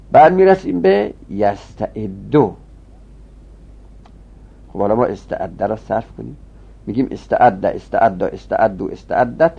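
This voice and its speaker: A man teaching a grammar lesson, chanting verb conjugations in a rising sing-song and dropping to a low mutter when he explains. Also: vocal fry, breathy edge. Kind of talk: recorded Arabic grammar lesson. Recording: muffled low-fidelity recording.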